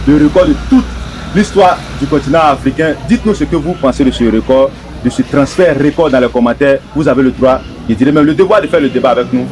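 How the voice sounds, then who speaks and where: A man's voice: mid-range voice, fast, darkish tone. A man hosting a football debate show, introducing guests and posing long, formal questions. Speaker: host. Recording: noisy background.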